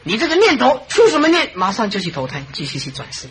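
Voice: mid-range voice, quick pace, rough recording. Buddhist monastic teacher giving a dharma talk, voice jumps all over, chuckles a lot, faint hiss behind. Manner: animated storytelling with frequent chuckles and repetition.

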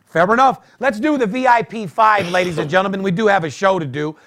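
A man's voice: sits high, a little fast, a bit bright, a little hiss or hum. A man hosting a sports betting podcast, talking in a boastful, profane, hard-selling way. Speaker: podcast host.

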